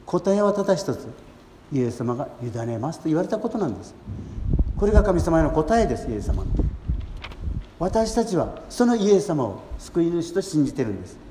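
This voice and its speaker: Earnest priest in an echoey church. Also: male voice, on the high side, slight background noise. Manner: gentle, earnest preaching with long pauses. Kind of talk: sermon at Mass. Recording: echoey church hall with faint ambience.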